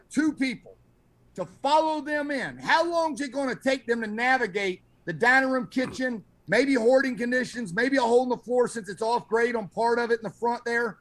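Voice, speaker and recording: A man's voice: very high voice, a bit bright. A man, a fire instructor, giving emphatic, blunt training commentary over incident video.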